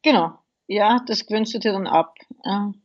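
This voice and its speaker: A woman's voice: medium pitch, moderate pace, lo-fi sound. A woman, a podcast guest vividly recounting a crash she survived. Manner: vivid, animated storytelling. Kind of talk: interview, telling a survival story.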